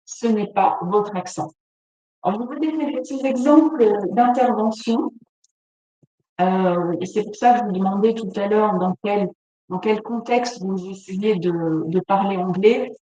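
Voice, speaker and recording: Heard through a distant mic in an echoey room with faint noise, a business facilitator presents a webinar. Her mid-range voice has a dark tone, and her spontaneous delivery is full of fillers and restarts.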